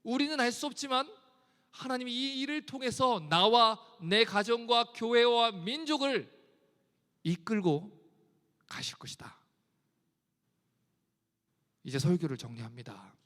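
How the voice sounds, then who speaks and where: A man's voice: very high voice, big pitch swings, moderate pace, pushed and bright, in a large hall. A male pastor preaching a sermon in a church, earnestly reciting scripture and building in force. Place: church sanctuary.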